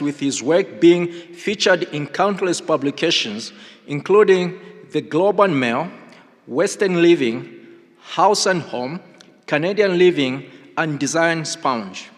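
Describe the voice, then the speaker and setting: Male ceremony presenter, slightly high voice, unhurried formal intro, hall reverb. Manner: reads a list of credits slowly and evenly. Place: large hall.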